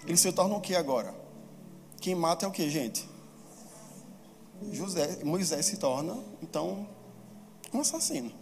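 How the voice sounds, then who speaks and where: A man preaching a sermon who talks fast, gets excited and acts out pleading quotes in a raised voice. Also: a little high, slight background noise. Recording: long hall reverb with faint music.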